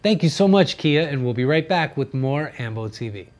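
A man's voice: mid-range voice, lively intonation, normal speed, over music. A man hosting a television show, presenting links, thanks and sign-offs to viewers. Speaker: TV show host.

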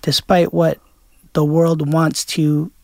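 A man's voice: a little high, level tone, takes it slowly, creaky, darkish tone, no room sound, studio quality. A man from Queens, a DJ guest talking loosely in an interview, full of fillers and restarts. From Queens, New York. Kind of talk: casual interview chat.

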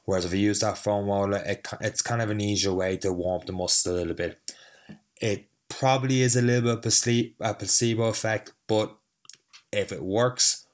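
A man's voice: lowish voice, steady tone, normal speed. A man who is a fitness coach hosting his own podcast, talking casually with a cold, rambling and self-deprecating, with the mic a little further away. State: has a cold, sniffly. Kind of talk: casual solo podcast talk. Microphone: mic set a little further away than usual.

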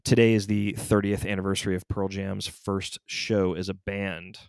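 A man's voice: sits low, little pitch movement, moderate pace, creaky, no echo. A man in his forties co-hosting a podcast, chatting casually and rambling through stories with frequent self-corrections. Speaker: podcast co-host. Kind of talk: casual chat.

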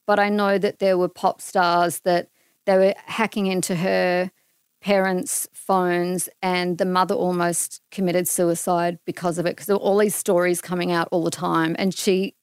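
A woman's voice: fairly low pitch, normal speed, clear, resonant tone, dry recording, clean studio sound. A middle-aged Australian woman, a guest in a casual interview, telling a personal story earnestly and animatedly. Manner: earnest, animated retelling with acted-out quotes.

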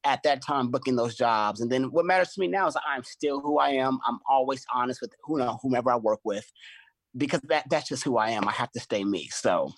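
A middle-aged man in casual conversation, an animated storyteller who acts out his own quoted lines. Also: mid-range voice, brisk, no echo. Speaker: choreographer and podcast guest.

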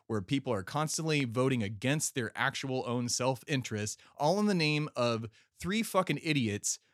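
A man's voice: medium pitch, a bit bright, no echo, studio quality. A man leaving an angry, swearing voice message as a caller ranting about where he lives.

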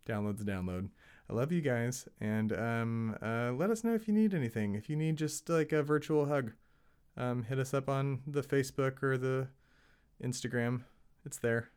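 A man's voice: medium pitch, a little mellow, clean tone. A man hosting his own podcast, giving a casual, rambling solo update with self-mocking asides. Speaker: podcast host.

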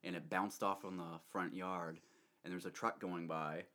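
Deep-voiced young man telling a story. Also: level tone, normal speed, sharp tone. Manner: laughing often, rambling with restarts. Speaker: storyteller co-host. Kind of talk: casual storytelling chat.

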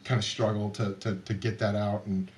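A man's voice: on the low side, level tone, moderate pace, darkish tone, a little hiss or hum. A man co-hosting a sports podcast, a sports writer chatting casually and restarting his sentences often. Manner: hesitant, many restarts.

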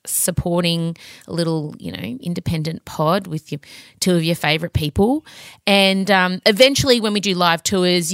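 A woman's voice: on the low side, a bit bright, no echo, studio quality. A middle-aged woman hosting a podcast as a chatty, confessional monologue, theatrical and sweary, with self-mocking candour. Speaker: podcast host.

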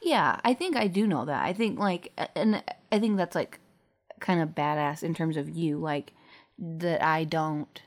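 A young woman with a lowish, gravelly voice talks in a halting, unsure way. She restarts her sentences often and fills the gaps with small hesitations. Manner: hesitant, many fillers and restarts, laughs often. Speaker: podcast co-host. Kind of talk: casual intimate conversation.

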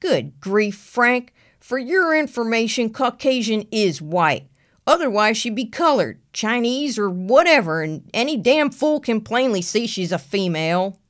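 Woman doing a gruff sheriff. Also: on the high side, very animated, measured pace, voice pushed up. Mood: exasperated. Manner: gruff, blunt, swearing drawl. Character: big burly gruff 55-year-old male sheriff.

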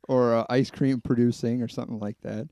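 A man's voice: mid-range voice, steady tone, fairly quick, gravelly, dark tone, dry recording. A young man co-hosting a casual podcast, easygoing and rambling with many restarts. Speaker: podcast co-host. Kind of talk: casual chat.

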